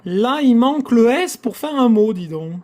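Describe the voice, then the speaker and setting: A man's voice: very high-pitched, big pitch swings, moderate pace, darkish tone. A man hosting his own channel, chatting casually to viewers as he scratches lottery tickets and groans theatrically at every loss. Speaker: channel host.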